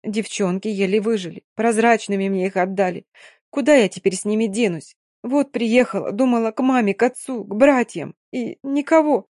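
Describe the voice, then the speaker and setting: A woman's voice: mid-range voice, normal speed, a little mellow, dry recording, studio quality, close to an everyday voice. A woman voicing a young Romani woman, pleading and tearful, in an audiobook. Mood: grieving. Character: young Romani woman singer, grieving, frightened.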